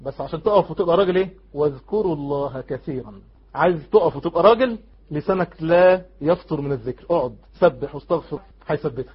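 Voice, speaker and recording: A man with an Egyptian accent preaching an Islamic sermon, swinging between loud exhortation and hushed, pleading asides. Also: a little high, expressive, fast talker, husky, dull audio. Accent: Egyptian Arabic.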